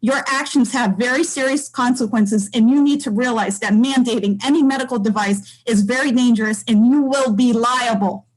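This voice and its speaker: A woman's voice: fairly high pitch, normal speed, few pauses, poor audio. A woman giving a public comment at a forum, insistent and accusatory, pressing rhetorical questions.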